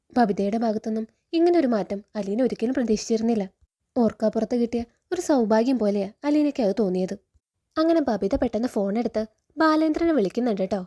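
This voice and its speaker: Woman, Kerala Malayalam accent, serial recap storyteller; quick, chatty, mellow tone, slightly high. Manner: chatty, adds a friendly particle to each sentence.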